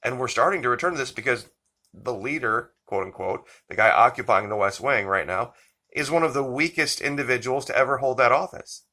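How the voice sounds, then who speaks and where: A man hosting a political commentary channel, talking slowly and emphatically as he introduces a clip. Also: mid-range voice, animated, bright, forceful tone. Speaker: channel host.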